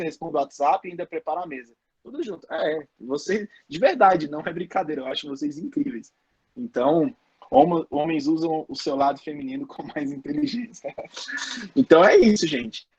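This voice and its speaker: With a fairly high, breathy-edged voice, a male professor lectures his students casually online. Points get repeated for emphasis, and his speech is full of restarts and the filler "é".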